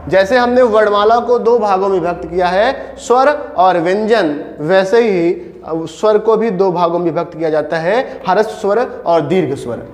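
A man's voice: high-pitched, normal speed, few pauses. A man teaching a Hindi grammar lesson, who asks his class questions and answers them himself and repeats the key points. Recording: echoey room with reverb.

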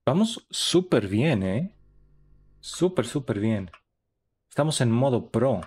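A man's voice: medium pitch, sing-song, slow, a little mellow, breathy edge. A young man, giving chatty, upbeat running commentary while streaming a horror game. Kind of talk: live gaming stream commentary.

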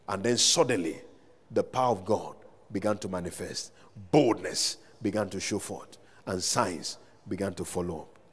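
A man preaching a sermon as pastor, calling out to the congregation between scripture readings, recorded live in a large church hall. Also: medium pitch. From Nigeria. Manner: preaching with rising calls to the congregation. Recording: long hall reverb.

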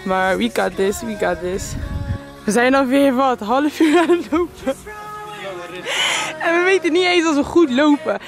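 High-voiced young woman vlogging casually. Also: a little slow, over music. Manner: lively, slangy, laughs often. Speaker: travel vlogger. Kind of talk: casual travel vlog chat. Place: outdoors and in a parked minivan.

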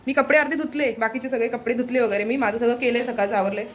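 A young woman talks straight to her viewers while she moves around her home. Her speech is quick and chatty, and a faint household hum sits behind her voice. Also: on the high side, fairly even intonation. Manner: chatty, addressing viewers directly. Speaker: vlogger. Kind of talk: casual home vlog narration.

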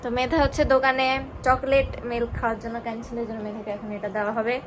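A woman's voice: a little high, steady tone, very fast, noisy background. A woman family vlogger chatting playfully and teasing friends as she films her day. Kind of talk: casual vlog chat. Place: outdoor fair and home.

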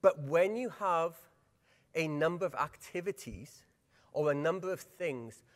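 A little slowly, a middle-aged Welsh presenter delivers a conference workshop, his pitch sitting slightly high. He engages the audience with lively energy and frequent questions, and his voice echoes with the long reverb of a spacious hall.

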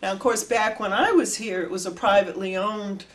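A woman's voice: medium pitch, a little fast. Older woman telling her story. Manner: animated storytelling, gestures with hands. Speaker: oral history interviewee. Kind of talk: reminiscing interview. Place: indoor room before flags.

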